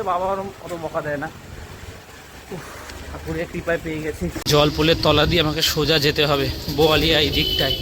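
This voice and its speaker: A man's voice: a little high, background noise. Anxious young man walking at night. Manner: anxious, talking to the camera while walking. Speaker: vlogger. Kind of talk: casual vlog narration. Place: rainy street at night.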